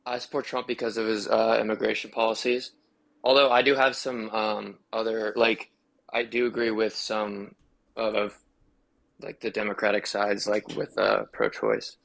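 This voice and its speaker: A man's voice: fairly low pitch, flat delivery, moderate pace, vocal fry, a bit bright, poor audio. A man in his twenties calling into a livestream debate, hesitant and full of fillers. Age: 20s. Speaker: caller.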